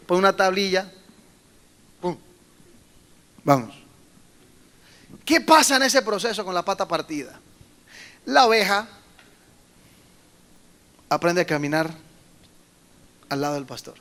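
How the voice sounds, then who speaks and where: Preaching to a youth meeting, this middle-aged Colombian pastor tells stories with great animation, voices the people he quotes and punctuates his points with emphatic bursts. His voice sits high, his pace is moderate, and he leaves long pauses.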